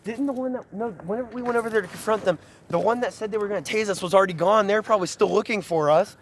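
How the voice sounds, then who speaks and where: Walking outdoors through a neighborhood, a man casually tells his friends a scary story in a rambling, animated way. His voice is high and he talks very fast.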